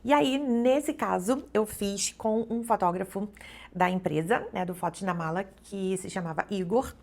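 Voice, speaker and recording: Speaking at a measured pace, this Brazilian woman has a mid-range, gravelly voice with a darkish tone. She's middle-aged, works as a travel vlogger and photographer, and chats to camera in Brazilian Portuguese-accented speech, chattily sprinkling in "né" and "então."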